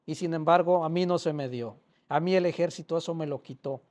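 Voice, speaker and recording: Speaking briskly in a slightly high, darkish voice, an older author from Mexico shares his personal story with an audience in a public library hall while presenting his book. The telling is heartfelt and straightforward, and he acts out what people said.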